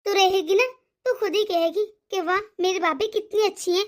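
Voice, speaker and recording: A woman voicing a doting, fretful older mother-in-law in an animated cartoon, speaking softly and with worry. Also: extremely high pitch, moderate pace. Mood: coaxing. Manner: soft-spoken, worried, coaxing.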